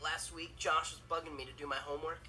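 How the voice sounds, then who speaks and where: Laid-back cocky teenage Drake. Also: male voice, on the high side, flat delivery, fast, bright, forceful tone, faint music behind. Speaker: sitcom character. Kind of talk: scripted comedic monologue to audience.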